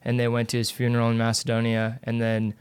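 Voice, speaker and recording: A relaxed young man talks easily about his life, leaning on casual fillers. His delivery stays level with little rise and fall. The voice comes through very clear and dry, close to the mic. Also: medium pitch, fast, no room sound. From Santa Ana, California. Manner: laid-back, fillers like "like" and "pretty trippy". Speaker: guest. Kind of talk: casual interview chat.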